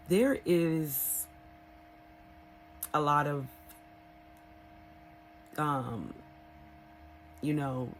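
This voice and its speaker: Candid woman vlogger, rambling, noisy background. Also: low-pitched. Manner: candid, rambling, hesitant with pauses. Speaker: vlogger sharing a recovery experience. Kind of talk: casual, unscripted personal vlog talk.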